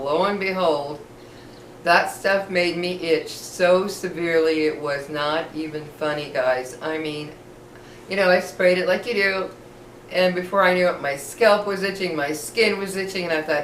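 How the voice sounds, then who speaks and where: A middle-aged woman chats casually to her viewers in a rambling, self-deprecating way. Missing teeth make her speech slightly slurred, with soft F sounds. She sounds set back from the mic in an echoey room, with faint noise behind her. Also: sits low, distant mic. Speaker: vlogger. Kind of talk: casual rambling personal storytelling to camera.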